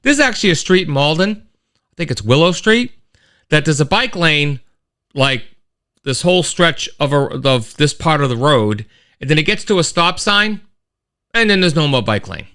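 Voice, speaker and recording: A man's voice: on the high side, normal speed. A middle-aged man, hosting a casual live-stream monologue, rambling with restarts. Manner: animated storyteller, rambling with restarts and sound effects. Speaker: host of a weekly live-stream show.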